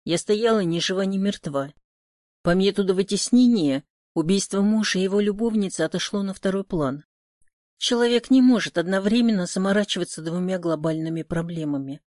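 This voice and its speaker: A woman's voice: medium pitch, fairly quick, darkish tone, dry recording, clean studio sound. A woman reading a first-person audiobook in a tense, emotional way. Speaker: narrator. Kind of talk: audiobook narration.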